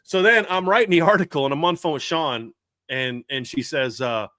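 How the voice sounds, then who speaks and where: A man hosting a live sports talk show, talking in an animated, rambling way with frequent restarts. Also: a little high, moderate pace, no echo, studio quality. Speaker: podcast host.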